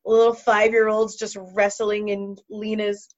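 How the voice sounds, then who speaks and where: A woman's voice: mid-range voice, monotone, measured pace. Chatty woman interviewer, lo-fi sound. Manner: chatty, rambling with fillers. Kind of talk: casual interview.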